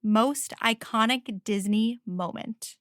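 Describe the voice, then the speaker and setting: A woman's voice: on the high side, slow, a bit bright, no echo, studio quality. A woman co-hosting a podcast, chatting casually and enthusiastically, laughing easily. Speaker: podcast co-host.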